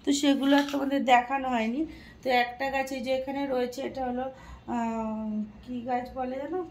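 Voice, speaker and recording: Indian woman chatting away on a home vlog, phone cam, kinda high voice, a little background hiss. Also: steady tone, fairly quick. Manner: chatty, talks warmly to viewers and her child. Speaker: vlogger. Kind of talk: casual home vlog narration. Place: home, kitchen and balcony.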